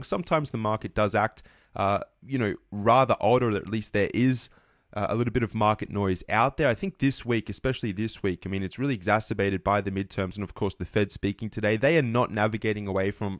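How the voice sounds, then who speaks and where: A man's voice: lowish voice, no room sound, studio quality. A man giving a market analysis lesson over charts, earnest, often restarting and correcting himself mid-sentence. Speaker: trading educator.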